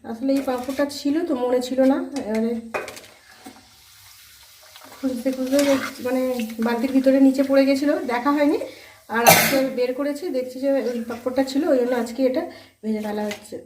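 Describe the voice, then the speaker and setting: A hoarse woman chatting casually to her viewers as friends while cooking at home. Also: high-pitched, fairly even intonation, a little fast, long pauses, roomy sound, noisy background. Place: home kitchen. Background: frying and sizzling.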